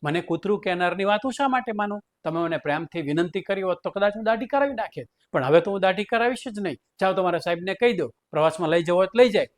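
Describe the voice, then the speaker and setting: Man doing a stubborn, argumentative teacher, lecturing, slightly high voice. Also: expressive, fast, hardly any pauses. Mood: indignant. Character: stubborn bearded male teacher, defiant and argumentative.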